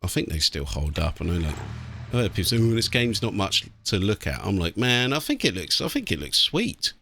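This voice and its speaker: This British gaming channel host talks his way through a strategy game in a chatty let's play, thinking aloud. His lowish voice is creaky, bright and forceful, with big pitch swings and a brisk pace. There's a little hiss or hum, plus game music and battle sounds from artillery and vehicles.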